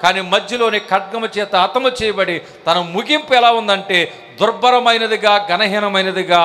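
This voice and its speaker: Bright, high-voiced fervent male preacher. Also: moderate pace. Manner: fervent preaching with shouted climaxes. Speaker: pastor. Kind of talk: Telugu sermon.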